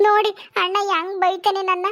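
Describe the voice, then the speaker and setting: A woman's voice: very high voice, level tone, fairly bright tone. A woman playing a tearful young village wife who pleads and pities herself, speaking. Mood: pleading. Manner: tearful, pleading, with many drawn-out "hmm"s.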